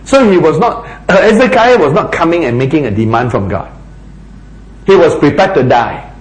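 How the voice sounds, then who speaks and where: A man preaching a sermon in a slow, dramatic way, sometimes dropping almost to a whisper for emphasis. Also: animated, poor audio. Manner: slow, dramatic delivery with big pitch swings, dropping to near-whispers for emphasis.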